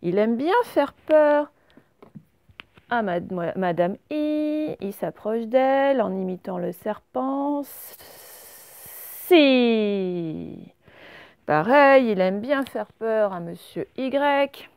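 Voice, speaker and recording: A woman teacher with a fairly high voice, a gravelly edge and very dry sound. She gives a reading lesson to small children, stretching each word out and checking they follow along. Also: animated, a little mellow, dry recording. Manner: slow, carefully sounded-out words; patient, questioning teacher voice. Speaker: primary school teacher.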